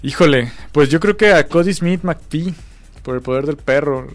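A man's voice: a little high, normal speed, dry recording, faint music behind. A man, talking in a rambling, hesitant way, full of fillers, as co-host of a casual chat about film awards. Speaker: podcast co-host.

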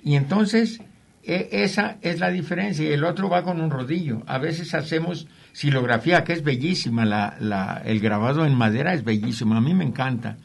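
A man's voice: on the high side, normal speed, creaky. An older man with a Mexican accent, a printmaker guest telling rambling stories with chuckling asides. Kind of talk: anecdotal interview talk.

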